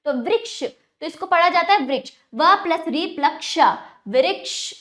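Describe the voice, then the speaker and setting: A woman teaching young children, patient and clear, repeating each word slowly so they can follow. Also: very high-pitched, expressive, fairly bright tone. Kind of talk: classroom lesson for children.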